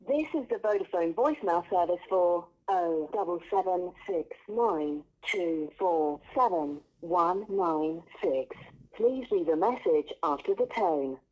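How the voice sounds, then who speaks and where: A woman's voice: fairly low pitch, lively intonation, darkish tone. Woman's recorded voicemail greeting. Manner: formal, measured, evenly spaced reading. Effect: recorded voicemail greeting played down a phone line. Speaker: automated voicemail prompt. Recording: dull muffled phone line.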